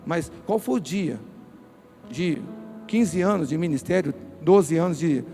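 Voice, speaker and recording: Brazilian male pastor, mellow tone, forceful direct preaching to the congregation. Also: on the high side, expressive, measured pace, vocal fry, faint music behind. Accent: Brazilian Portuguese. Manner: emphatic, direct, addresses listeners. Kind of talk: sermon. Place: church.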